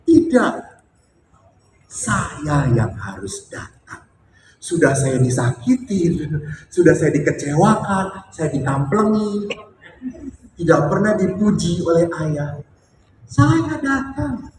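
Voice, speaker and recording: Male priest, higher voice, humorous homily storyteller, distant mic in a reverberant hall with faint background noise. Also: big pitch swings, takes it slowly, long pauses. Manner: joking with the congregation, then soft and heartfelt. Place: church or hall before a congregation. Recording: echoey hall, speaker far from mic.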